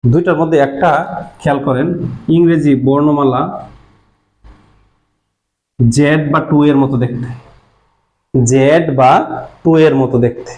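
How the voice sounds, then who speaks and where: A male teacher with a Bangladeshi Bengali accent and a voice that sits a little higher than most men's. He explains each step patiently, asking the class questions and answering them himself. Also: fairly even intonation, a little slow, pauses often, darkish tone, poor audio. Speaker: language teacher. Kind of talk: classroom lesson.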